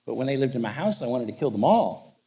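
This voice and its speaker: A middle-aged man speaks from a stage as a counselor leading a seminar. His voice sits at an ordinary middle pitch. His delivery is lively and wry, full of jokes and stories. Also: quick pace. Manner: joking, animated storytelling. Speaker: marriage counselor. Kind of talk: live seminar talk. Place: on stage before a live audience.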